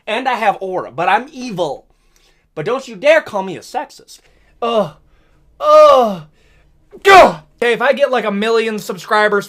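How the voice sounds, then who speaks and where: A man's voice: high voice, a bit bright. A man in his twenties, a YouTuber, chatting casually with crude, rambling jokes. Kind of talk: casual joking vlog chat.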